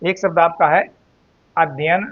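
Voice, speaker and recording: Male Hindi teacher, high voice, unhurried drilling delivery, dull lo-fi sound. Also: fairly even intonation. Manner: slow, drawn-out repetition of words, addresses students as "beta". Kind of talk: spelling and grammar lesson.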